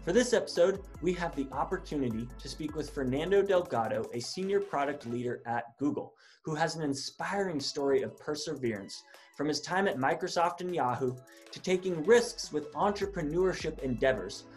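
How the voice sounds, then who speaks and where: Male podcast host on a video call, friendly and scripted, light music bed, voice on the high side. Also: animated, normal speed. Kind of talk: interview hosting.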